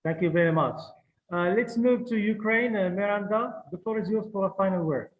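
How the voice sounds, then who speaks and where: A man with a notably high voice moderates a webinar over an online call. He hands the floor to each speaker politely, pausing on fillers between names. The audio is dull and lo-fi. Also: slight background noise.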